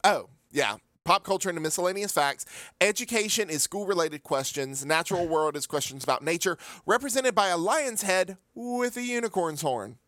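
A man's voice: sits high, lively intonation, moderate pace, fairly bright tone, dry recording, studio quality. A man co-hosting a casual podcast chat, tossing out wry, sarcastic quips. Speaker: podcast co-host.

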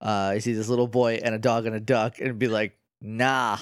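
A man's voice: on the low side, flat delivery, fast, clear, resonant tone, no room sound, studio quality. A man co-hosting a podcast, joking and laughing often in casual chat. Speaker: podcast co-host.

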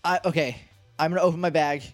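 A man's voice: a little high, fast, faint music behind. A man playing a tabletop role-playing game, chatting casually and animatedly, often restarting his sentences. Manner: animated, self-interrupting chatter. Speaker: player.

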